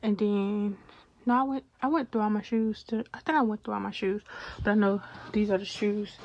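A young woman talks straight to her viewers in a relaxed, chatty vlog, calling them y'all. Her voice sits at an ordinary middle pitch. A steady noise runs under the phone recording. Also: normal speed, dull audio. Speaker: vlogger. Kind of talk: casual vlog chat. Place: bedroom and car. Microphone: phone camera.

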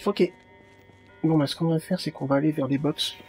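A man's voice: a little high, steady tone, moderate pace, over music. A man giving casual let's play commentary, muttering and thinking aloud to himself.

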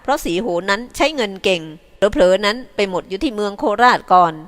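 A woman's voice: mid-range voice, fairly quick, in a large hall, close to an everyday voice. A woman voicing a firm adult male cattle-drover boss who speaks in a stern, commanding, slightly raised voice.

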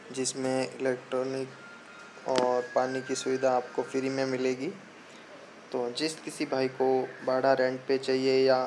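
A man from India, hosting his channel and giving a repetitive sales pitch for a goat farm. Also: slight background noise, rough recording. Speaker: channel host. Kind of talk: promotional farm video narration.

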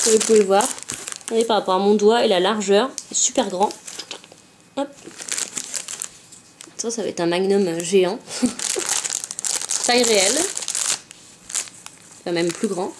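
At home, a woman vlogger chats casually while unboxing craft supplies, often saying "euh" and "hop." Her voice is medium in pitch, and there is noise in the background.

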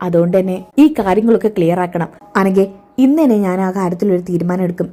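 Woman voicing determined young friend, firm, quick, mellow. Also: fairly low pitch, steady tone, lightly acted. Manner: firm, resolute.

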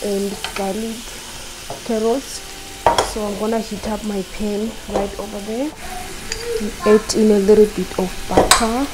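A young woman calmly narrating a casual cook-along, explaining each step to her viewers from her home kitchen. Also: medium pitch, unhurried, very noisy. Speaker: cooking vlogger. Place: home kitchen while cooking. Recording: loud frying sizzle behind voice.

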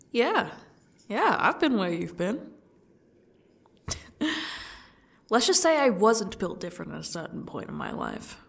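A woman acts out a sadistic female yandere stalker in an ASMR role-play. Her voice is husky and crackles with fry, and she takes her time, taunting her captive with smug, faux-gracious menace. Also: mid-range voice, wildly swooping pitch, slow pace, long pauses, exaggerated voice. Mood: wry, bitter. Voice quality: breathy, husky, dropping into speaks softly.

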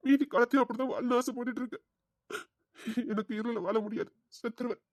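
A woman's voice: fairly high pitch, fairly even intonation, quick pace, darkish tone, natural voice. A woman voicing a remorseful young husband who pleads with his wife, in a Tirunelveli Tamil accent, often whispering apologies. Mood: desperate.

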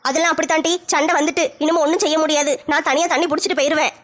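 A woman's voice: sits high, fairly even intonation, racing, a bit bright. A woman playing a stubborn village mother-in-law, blunt and scolding.

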